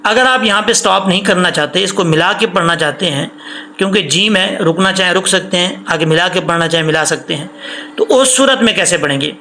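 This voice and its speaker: Bright high-voiced man teaching Quran recitation. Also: brisk, a little hiss or hum. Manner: breaks verses into syllables, stretches sounds to show length. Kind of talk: tajweed lesson, slow recited examples between explanations.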